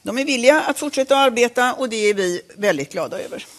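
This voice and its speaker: A woman's voice: on the high side, expressive. Woman giving a formal press statement. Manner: formal, measured delivery with occasional self-corrections. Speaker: board chair at a press conference.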